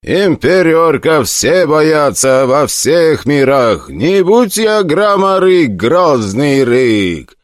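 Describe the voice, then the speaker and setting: A man voicing a huge, fanged orc chieftain who talks in a hoarse, snarling shout and brags loudly, in a fantasy audiobook. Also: fairly high pitch, sing-song, slow, dry recording, clean studio sound, voice pushed up. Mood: bellowing threats.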